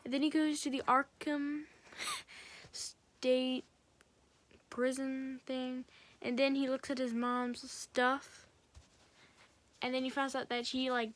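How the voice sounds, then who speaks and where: Recounting a film's story in a relaxed way, this female reviewer strings every plot beat along with "and then," often rambling and starting over. Her voice is a bit bright and slightly raised in pitch, with a little hiss or hum in the audio.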